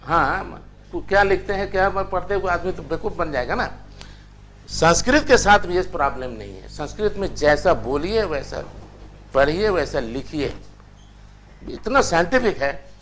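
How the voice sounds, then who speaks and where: A man's voice: fairly high pitch, animated, moderate pace, fairly bright tone, slight background noise. An older man teaching a language class, lecturing in a chatty way and telling anecdotes. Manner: chatty, anecdotal, tells stories with acted quotes.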